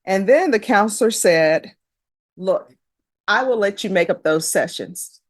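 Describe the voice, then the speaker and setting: A woman's voice: mid-range voice, expressive, a little slow, dry recording, studio quality. A middle-aged woman judge questioning a defendant in a courtroom, firm and lecturing, with pointed rhetorical questions.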